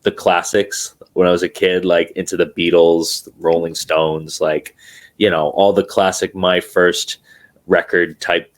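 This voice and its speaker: A young man from New Hampshire, USA, speaks in a low, unhurried voice as a guest drummer interviewed over a remote video call. He's relaxed but hesitant, chatting casually with lots of ums, fillers, and restarts.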